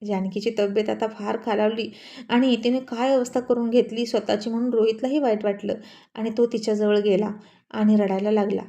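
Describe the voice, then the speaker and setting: A woman narrating a scripted story with expressive, dramatic storytelling. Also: a little high, brisk.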